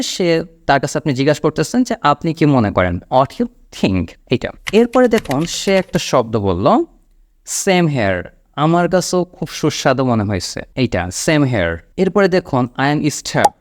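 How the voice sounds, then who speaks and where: A man from Bangladesh, teaching a spoken English lesson and reading the English example lines slowly and deliberately. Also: fairly high pitch.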